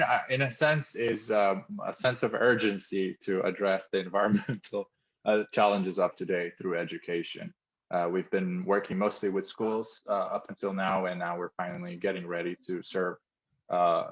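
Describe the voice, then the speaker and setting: A man's voice: sits low, steady tone, normal speed, muffled recording. A man from Mozambique, a company founder, explaining his work thoughtfully over a video call, with many fillers. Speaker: company founder, interview guest.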